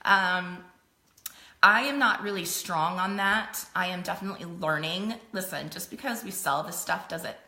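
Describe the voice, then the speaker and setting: A woman's voice: on the low side, normal speed, sharp tone. A middle-aged woman hosting a live makeup sale, chatting casually and laughing often. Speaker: host selling makeup. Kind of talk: casual live-stream chat. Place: home room. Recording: echoey room.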